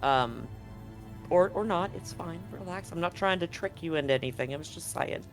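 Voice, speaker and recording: A man with a fairly high voice speaks at a normal pace, narrating a live tabletop role-playing game as game master and explaining things conversationally. Music plays behind him throughout the recording.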